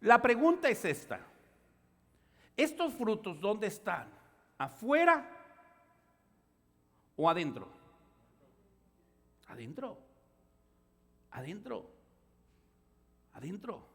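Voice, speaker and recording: A man pastor preaching a sermon, telling stories and acting out the voices, building to loud outbursts. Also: sits high, huge pitch swings, takes it slowly, pauses often. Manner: storytelling preacher, acts out voices, rises to shouts. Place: church sanctuary. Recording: church hall reverb.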